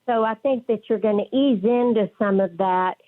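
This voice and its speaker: Heard over a narrow, phone-like line, a licensed professional counselor is interviewed on the radio. She speaks conversationally at a moderate pace, with a mid-range voice and a West Texas twang.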